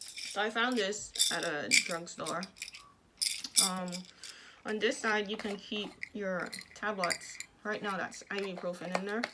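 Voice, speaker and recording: A woman's voice: mid-range voice, slow, very noisy. A woman talking casually in a personal vlog, speaking through clenched teeth with little mouth movement. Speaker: vlogger sharing recovery from jaw surgery.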